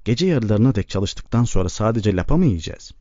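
A man's voice: lowish voice, very animated, a little fast, warm tone, no room sound. A man voicing a hungry, hard-working young man who complains. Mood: complaining. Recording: dull lo-fi dry recording.

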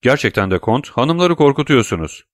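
A man's voice: medium pitch, big pitch swings, a little fast, no echo, clean studio sound, pitched above the performer's own voice, close to an everyday voice. A man voicing an uneasy, formal magistrate who speaks tensely.

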